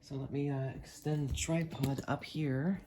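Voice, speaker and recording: A hobbyist video creator narrates a casual unboxing and test, speaking haltingly and thinking aloud while his hands are busy. His voice is mid-range, steady and dark, and the noisy recording is full of clicks and handling sounds.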